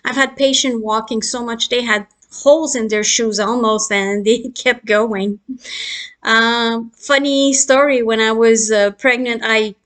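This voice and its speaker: A middle-aged woman obstetrician explains things casually to the camera. Her voice sits a little high, and her delivery stays loose and conversational. She leans on fillers and laughs lightly between points. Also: steady tone, measured pace, a bit bright.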